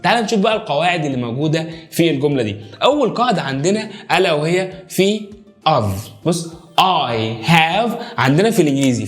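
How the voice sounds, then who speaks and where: A man with an Egyptian Arabic accent giving a whiteboard English lesson, energetically drilling phrases by repeating them slowly. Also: a little high. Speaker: English teacher.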